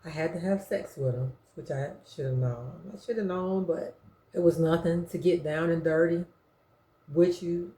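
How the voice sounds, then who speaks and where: A middle-aged woman frankly telling her own story, in slangy, animated speech that acts out what others said. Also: on the low side, normal speed. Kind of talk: confessional storytelling. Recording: roomy echo.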